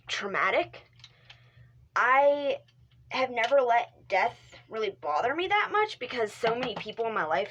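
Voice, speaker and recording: A woman's voice: medium pitch, fairly bright tone, breathy edge, poor audio. A young woman vlogging in casual chat, rambling with many fillers and restarts, speaking candidly and swearing now and then. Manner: drops into whispered asides. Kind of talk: casual talk to camera.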